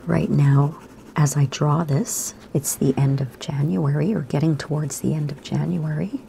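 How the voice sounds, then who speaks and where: An art teacher for kids gives a step-by-step drawing lesson from a home room by a window, speaking in a low, gravelly half-whisper with a raspy, slightly sore throat. Her soft, gentle instructions come a little slowly with fairly even intonation. The poor audio has some hiss or hum.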